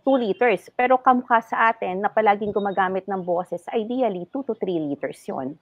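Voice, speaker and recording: A woman's voice: mid-range voice, moderate pace, no room sound, dull audio. A woman ENT doctor, a guest on a health talk show, explaining things patiently in a mix of English and Tagalog.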